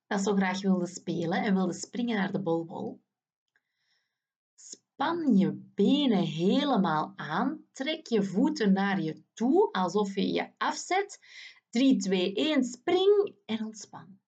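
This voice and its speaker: Slow, soft-spoken woman guide. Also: mid-range voice, husky, highs cut off. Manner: slow, soothing, often drops to a whisper. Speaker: relaxation exercise guide for children. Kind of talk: guided muscle relaxation.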